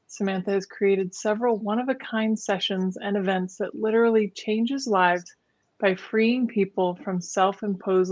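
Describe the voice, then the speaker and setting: A woman hosting a podcast, who opens with a soft guided meditation and speaks of her guest in gushing terms. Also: medium pitch, highs cut off. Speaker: podcast host. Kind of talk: podcast interview.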